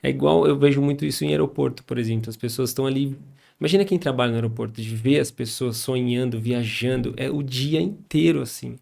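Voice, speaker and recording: Brazilian male host, São Paulo accent, gravelly voice, relaxed reflective delivery. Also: medium pitch, quick pace. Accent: Brazilian Portuguese, São Paulo area. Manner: relaxed, reflective, thinks aloud with fillers. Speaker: podcast host. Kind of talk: conversational podcast interview.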